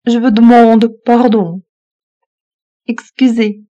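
Slow, mellow woman reading phrases. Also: fairly high pitch, fairly even intonation, muffled recording. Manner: reads each phrase twice, evenly. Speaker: French phrase reader.

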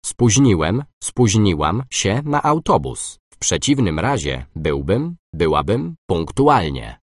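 A man reading short example phrases slowly and clearly for a language course, giving both masculine and feminine forms. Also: on the low side, very animated, no echo, clean studio sound.

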